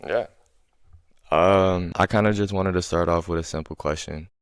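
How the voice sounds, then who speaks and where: A young man hosts a podcast in a relaxed, casual way, often tagging "you know what I mean" onto his questions. His voice is very deep. The recording is dry, with little room sound. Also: normal speed, clear, resonant tone, dry recording. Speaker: podcast host. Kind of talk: casual conversational interview.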